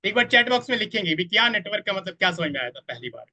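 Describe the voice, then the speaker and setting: A man's voice: sits high, very animated, racing, sharp tone. A man giving a live online training on network marketing, who speaks to his audience directly and keeps asking them to type their answers in the chat. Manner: addresses the audience directly, asks for chat replies; quotes others in a voice of their own.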